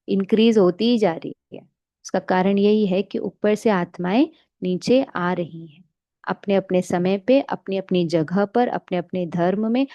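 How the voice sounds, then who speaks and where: A woman giving a calm, explanatory spiritual meditation lesson, asking rhetorical questions as she teaches. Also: mid-range voice, dry recording. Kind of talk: spiritual lecture mixing Hindi and English.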